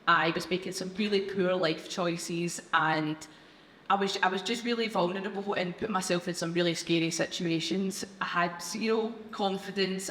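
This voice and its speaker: A woman's voice: fairly low pitch, a bit bright. A young woman from Scotland with a strong, broad Glaswegian accent, giving earnest personal testimony on stage. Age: young adult. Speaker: youth programme graduate speaking on stage. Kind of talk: personal testimony at a live event. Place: large event hall, on stage. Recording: echoey hall, noisy, live PA sound.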